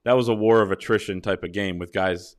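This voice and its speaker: Male podcast host, lowish voice, relaxed analyst talking through the games at length. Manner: measured, builds long points with fillers. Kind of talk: casual sports analysis chat.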